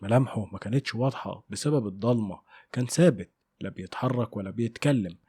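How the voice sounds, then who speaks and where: Male horror narrator with an Egyptian Arabic accent, husky and dark, dry close sound. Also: on the low side, no room sound. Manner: measured, suspenseful. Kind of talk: scripted horror story narration.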